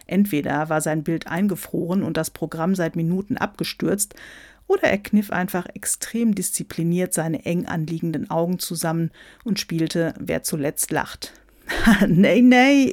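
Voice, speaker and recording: A woman narrating a humorous story in a wry, lively reading. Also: lowish voice, no echo, clean studio sound.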